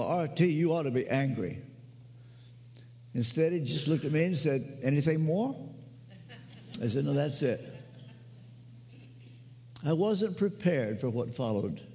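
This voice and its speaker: Older male pastor, slow deliberate sermon delivery, lively pitch, long hall reverb. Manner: slow, emphatic preaching with dramatic pauses.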